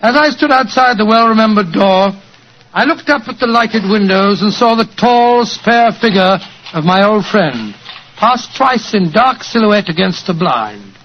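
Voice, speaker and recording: High-pitched, avuncular English Doctor Watson. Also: male voice, lively intonation, measured pace. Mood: storytelling. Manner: avuncular, hearty, old-fashioned exclamations. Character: genial older English doctor, loyal storyteller friend. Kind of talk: 1940s radio acting. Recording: muffled 1940s radio broadcast recording.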